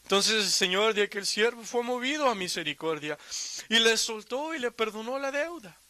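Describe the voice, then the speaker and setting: A man's voice: high voice, expressive, moderate pace, bright, forceful tone, no room sound. A man preaching a sermon in Spanish, reading scripture aloud and explaining it with emphatic asides and rhetorical questions. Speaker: pastor.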